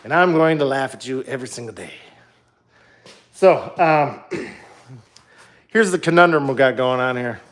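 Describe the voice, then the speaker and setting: Speaking at a medium pitch, a bit slowly and with frequent pauses, a thirty-something man from Minnesota chats on a live stream while working on a truck in his home garage. He rambles in a self-deprecating way with a Minnesotan accent, first holding his phone at arm's length and later putting it down at a distance.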